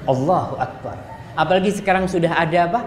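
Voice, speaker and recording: A man preaching to a congregation in a lively, joking way, sometimes quoting Arabic phrases slowly. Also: a little high, a crowd in the background. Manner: lively, joking, acts out spouses' voices. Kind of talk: sermon to a congregation. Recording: echoey hall with long reverb.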